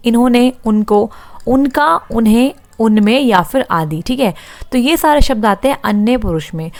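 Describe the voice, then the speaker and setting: A young woman teaches an online exam-prep grammar class. Her voice sits a little high and sounds dry and close to the mic, with no room around it. She reads each example sentence aloud, then asks the class a question and answers it herself. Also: no room sound.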